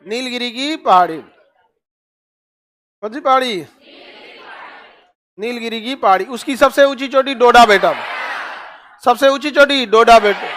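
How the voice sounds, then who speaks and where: A male teacher running an online map class, drilling facts in quick call-and-response and repeating each answer. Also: extremely high pitch, fairly bright tone.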